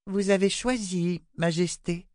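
A man reading an audiobook, voicing a frightened but brave young girl with a soft, careful manner. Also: sits high, fairly even intonation, measured pace, no room sound, clean studio sound, pitched above the performer's own voice. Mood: cold, firm. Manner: timid, then coldly firm.

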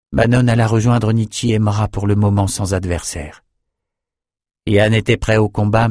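A man narrating a fantasy audiobook in a measured, even storytelling voice. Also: on the low side, no room sound, clean studio sound.

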